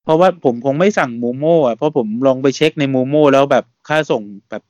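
A man hosting a casual podcast, talking in a relaxed, chatty way and laughing often. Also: a little high, quick pace, no echo, muffled recording. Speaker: podcast host.

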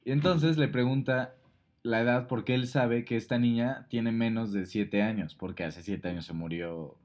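A man's voice: medium pitch, normal speed, darkish tone. A man, casually retelling a film plot on a podcast, full of fillers and quoted lines. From Mexico. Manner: storytelling with many fillers. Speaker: podcast co-host.

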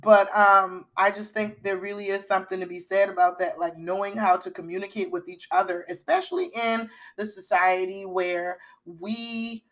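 A woman's voice: mid-range voice, steady tone, moderate pace, hardly any pauses, fairly bright tone. A middle-aged woman co-hosting a podcast in casual chat, rambling with fillers and restarts. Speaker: podcast co-host.

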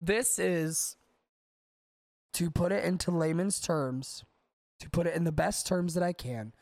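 Guy hosting a podcast, high gravelly voice, ranting and cussing, dry close sound. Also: a little mellow, dry recording. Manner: profane, exasperated ranting. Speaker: podcast host. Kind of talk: casual reaction commentary.

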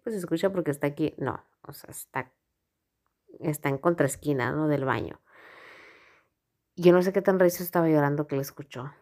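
A woman's voice: sits low, darkish tone. A woman telling a personal story in a casual, frank way, full of filler words. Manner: frank, rambling, heavy use of filler words.

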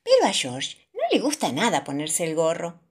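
A woman with a Rioplatense accent reading children's stories aloud in an expressive, sing-song way. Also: lowish voice, normal speed, slightly rough. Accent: Rioplatense Spanish. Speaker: storyteller.

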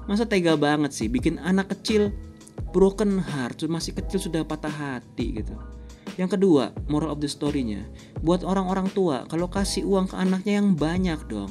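A man, hosting a podcast and telling a personal story in a casual, animated way, chuckling often. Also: on the high side, moderate pace, soft background music. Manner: animated, chuckles often, acts out quoted voices. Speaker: podcast host.

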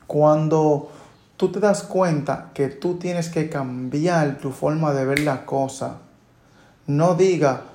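A man speaks as a personal finance coach in an earnest, coaching tone, pressing his point with repeated rhetorical questions. His voice sits somewhat high for a man. The recording has a roomy echo. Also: takes it slowly, darkish tone. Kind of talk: motivational monologue.

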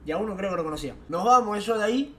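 A young man with an Argentine Rioplatense accent tells a story in a casual, animated way, full of slang and laughs. His voice sits high. A faint hum of background noise runs under the recording. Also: racing. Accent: Argentine Rioplatense Spanish. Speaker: streamer telling an anecdote.

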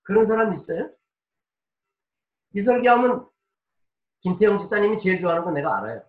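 A male pastor preaching a dramatic sermon, moving between soft pleading and forceful shouting. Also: high voice, very animated, a little fast, phone-quality sound, a little hiss or hum. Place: church sanctuary. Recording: echoey room, mic at a distance.

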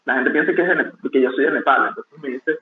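A young man, a barista, talking casually in an interview, relaxed and rambling with many restarts. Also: mid-range voice, fast, a little hiss or hum. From Venezuela. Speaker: barista guest. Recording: tinny phone-like call audio.

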